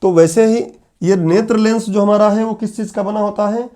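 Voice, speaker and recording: A man's voice: high-pitched, steady tone, normal speed, warm tone. A man giving an exam-prep lecture, repeating key terms and putting questions to his students. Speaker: teacher. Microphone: laptop on online class.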